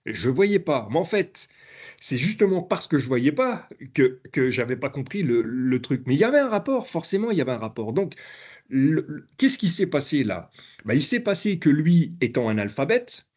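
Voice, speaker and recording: A man giving a conversational conference lecture as a professor, halting often and restarting his sentences. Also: a little high, sing-song, a little mellow, husky. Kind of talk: live lecture.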